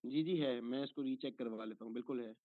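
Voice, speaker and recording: A man's voice: medium pitch, fast, no room sound. Man on a tinny phone-like call line. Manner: explains step by step, checking in with "okay?" after each point. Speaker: online course instructor. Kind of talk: answering a student's questions on a call.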